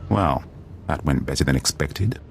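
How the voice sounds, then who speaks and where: Alien military officer, video game, deep voice, formal, measured, precise, faintly noisy backdrop. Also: male voice, animated. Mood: formal, composed. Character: formal, dignified alien male military strategist.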